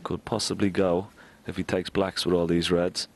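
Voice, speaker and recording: A man's voice: low-pitched, flat delivery, normal speed. A man commentating live on a snooker match. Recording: crowd and faint noise behind. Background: snooker arena crowd.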